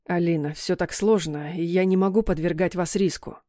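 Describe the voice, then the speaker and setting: A woman's voice: on the low side, steady tone, moderate pace, warm tone, dry recording, studio quality, lightly acted. A woman voicing a troubled middle-aged father who grumbles and snaps defensively. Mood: grim. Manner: gruff, grumbling.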